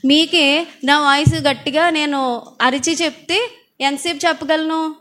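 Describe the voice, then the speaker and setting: A woman preaching a sermon in a church hall, asking her congregation question after question in a quiet, small voice. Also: high voice, fairly even intonation, unhurried.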